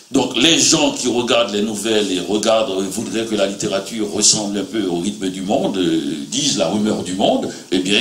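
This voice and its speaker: Low-voiced writer from Haiti, halting. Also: male voice, fairly bright tone, slight background noise. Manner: reflective, halting, with many fillers. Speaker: writer on a panel. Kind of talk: panel discussion. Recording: roomy hall sound.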